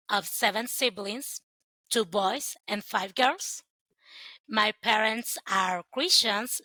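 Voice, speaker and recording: A young woman, sharing her story as a guest in sincere, halting phrases. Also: medium pitch, pushed and bright, no echo, low-quality recording. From El Salvador. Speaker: guest, sponsorship coordinator. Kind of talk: earnest personal testimony.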